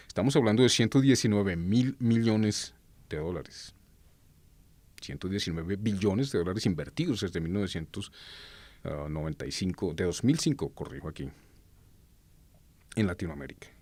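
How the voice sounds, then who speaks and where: A Colombian-born man with a very deep voice delivers earnest political commentary. He pauses often with hesitations and corrects himself mid-sentence. The sound is dry and close, with no room echo. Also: darkish tone.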